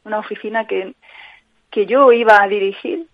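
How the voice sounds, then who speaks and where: A woman tells her story in an interview. She speaks earnestly, pausing and restarting often. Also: medium pitch. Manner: earnest, halting, frequent restarts. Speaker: guest, mother living with chronic pain. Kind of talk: personal account in a call-in interview. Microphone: telephone. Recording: tinny phone line on radio.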